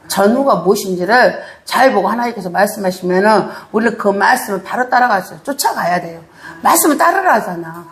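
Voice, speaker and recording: A middle-aged woman pastor giving an animated sermon, firing rhetorical questions at the congregation and laughing often. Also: medium pitch. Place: church sanctuary. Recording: echoey church room.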